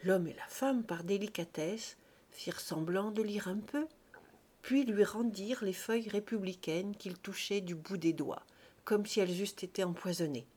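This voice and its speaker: Woman, literary reading, expressive storyteller, mid pitch. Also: moderate pace, breathy edge. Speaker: reader.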